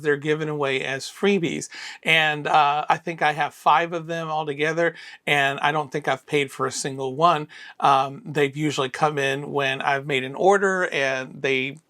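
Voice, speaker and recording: A man from Florida presents an educational video in a friendly, explanatory manner. His voice sits slightly high for a man, and his talk runs loose, with fillers and restarts along the way. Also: a bit bright. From Florida, USA. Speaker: tarantula channel host.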